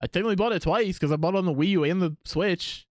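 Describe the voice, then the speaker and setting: A man's voice: high-pitched, quick pace, no room sound. A man streaming live while he works on art, talking casually and rambling as he thinks aloud, with lots of ums and likes.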